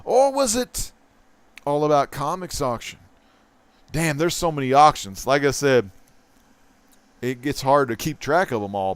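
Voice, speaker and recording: Man, vlog host, chatty, excitable, smooth voice, dry sound. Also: a little high, no room sound. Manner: excitable, chatty, swinging loud to mumbled. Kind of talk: casual comic haul vlog.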